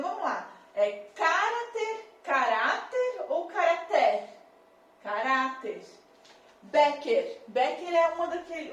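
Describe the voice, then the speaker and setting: High-voiced woman teacher, echoey and distant. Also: slight background noise. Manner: patient, stretches words out slowly to stress syllables. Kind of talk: classroom lesson at a whiteboard.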